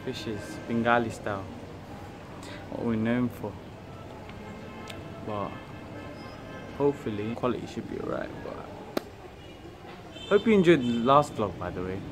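A man's voice: mid-range voice, measured pace, long pauses. A young man chatting casually and slangily in a travel vlog, recorded on a phone. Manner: relaxed, slangy, rambling. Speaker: vlogger. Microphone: phone camera. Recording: phone video with loud background noise.

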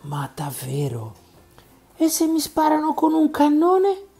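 A man voicing an eager young boy in a storybook reading, full of excited questions. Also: high-pitched, unhurried, pitched above the performer's own voice. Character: young boy traveling with his donkey.

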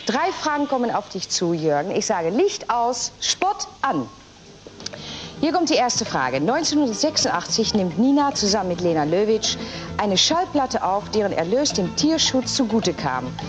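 A middle-aged woman hosting a TV quiz show in a studio. She reads questions, announces scores and chats with contestants in a brisk way. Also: medium pitch, sing-song. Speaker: game show host. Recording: music and audience in the studio. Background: studio music and audience.

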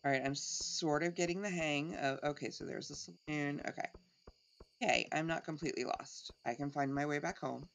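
Creaky-voiced woman playing a game. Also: low-pitched, fairly even intonation, moderate pace. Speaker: let's play streamer. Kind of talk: casual game commentary, thinking aloud.

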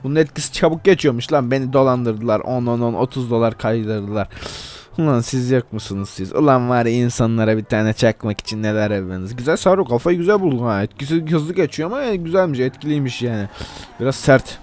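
A man's voice: mid-range voice, lively intonation, a little fast, darkish tone. Joking man commentating his gameplay. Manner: playful and joking, addressing viewers as "gençler". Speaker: gameplay video host.

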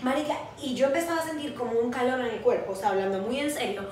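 Una mujer joven con acento venezolano, copresentadora de un pódcast, que cuenta en charla casual y animada una historia personal, riéndose de sí misma. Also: female voice, a little high, fast. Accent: Venezuelan Spanish. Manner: animated storytelling, laughing at herself. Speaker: podcast co-host. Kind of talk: casual chat. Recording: echoey room, mic far off, faint hiss.

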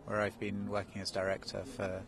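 Standing outdoors in snow for a live TV interview, a national park director in his forties, raised in Kenya, replies hesitantly with frequent ums and restarts. His lowish voice is completely flat and a little fast, picked up by the interviewer's handheld mic, with a crowd audible behind him.

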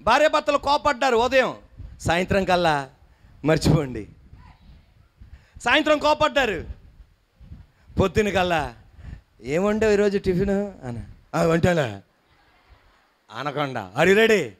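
A man's voice: sits high, big pitch swings, a little slow, pauses often. A man preaching a sermon to a church congregation, emphatic, firing questions and coaxing the listeners to respond. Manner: coaxes the congregation to repeat and smile. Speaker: pastor. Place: church hall before a congregation.

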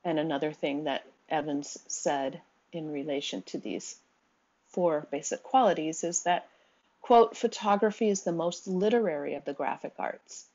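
Talking over a series of slides, a woman gives a measured, steady lecture in a low, somewhat husky voice. She reads quotes aloud and lets out an occasional um, and the recording is dull and lo-fi.

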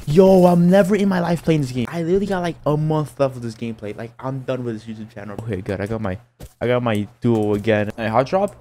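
A male gaming YouTuber giving excitable, slang-heavy live commentary while he plays. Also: medium pitch, fast, a little hiss or hum. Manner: excitable, slangy, says "bro" constantly.

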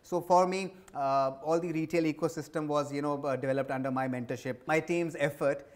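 Recorded with a lapel mic on an indoor office lounge set, this man in his forties talks a little fast in a slightly high voice with fairly even intonation. He has an Indian accent and plays a business executive, answering interview questions casually and emphatically repeating himself.

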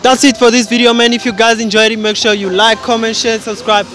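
A man's voice: extremely high pitch, flat delivery, brisk. A young man doing a cheeky, slang-heavy street interview outdoors on a suburban road, speaking into a handheld phone, with music under him. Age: young adult. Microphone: phone held as mic.

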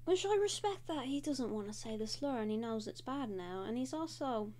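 A young woman talks casually while drawing, her fairly high voice wandering from thought to thought with lots of fillers. Faint noise sits under the recording. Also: animated, normal speed, a little mellow. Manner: chatty, rambling, frequent "like" fillers. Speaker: host. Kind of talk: casual draw-and-talk commentary.

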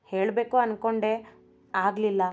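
A woman voicing a young wife who is shy yet cheeky, speaking quickly in a storybook reading. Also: mid-range voice, level tone, darkish tone, lo-fi sound, lightly acted. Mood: timid. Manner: timid then teasing, quick delivery.

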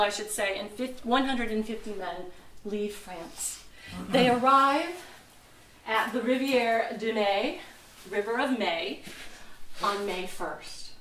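A woman docent gives a relaxed history talk, chatting easily and laughing at her own slips. Her voice sits somewhat high. She is picked up from a distance in a roomy, echoing space with faint noise underneath. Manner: chatty, laughs at herself, loses words. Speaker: museum docent. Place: museum lecture room. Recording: echoey room, mic far off.

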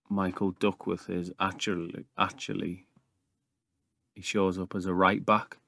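A man's voice: low voice, creaky, fairly bright tone, no room sound, clean studio sound. A man in his thirties hosting casual video game commentary, recorded in an attic room. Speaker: YouTube gaming host. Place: small brick-walled attic room.

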